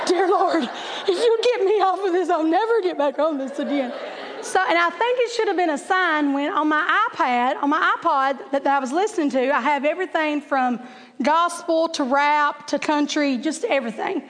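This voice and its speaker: A woman's voice: sits high, fairly bright tone, long reverb tail, a little hiss or hum. A woman and kindergarten teacher, telling chatty, self-deprecating stories to a church group, laughing often and stuttering at times. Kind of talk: humorous storytelling talk.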